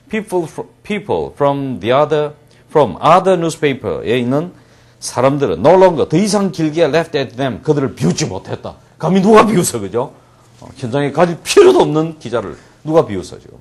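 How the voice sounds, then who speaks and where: Husky-voiced man teaching English reading. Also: mid-range voice, darkish tone. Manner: jokey, acts out scenes with quick asides and laughs. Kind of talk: lecture translating a story line by line.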